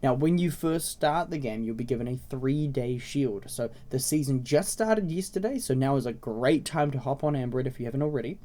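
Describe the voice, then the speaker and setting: Introducing a browser game series, a video host with a cold gives casual tutorial commentary in a slightly raspy, mellow, mid-range voice. He speaks briskly with few pauses, explains informally, keeps checking in with "okay?" and "right?", and clears his congested throat often.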